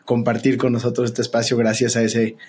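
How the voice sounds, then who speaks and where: Male podcast co-host, husky, mid pitch, casual explainer. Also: completely flat delivery, fairly quick, darkish tone. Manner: friendly, explaining things to listeners.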